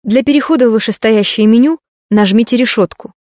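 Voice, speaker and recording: A woman reading automated phone menu prompts in a calm, even, measured way. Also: a little high, dry recording, clean studio sound.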